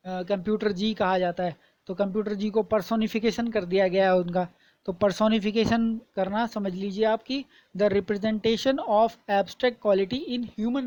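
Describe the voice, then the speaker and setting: A woman teaching a lesson, explaining terms patiently, repeating points and reading examples slowly and deliberately. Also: mid-range voice, darkish tone, rough recording.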